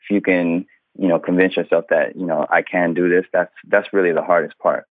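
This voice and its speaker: A man, a children's book author and illustrator, talking in a relaxed, conversational way during a phone interview over a tinny line. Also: deep voice, brisk, no room sound. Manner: relaxed, conversational, fills with "you know".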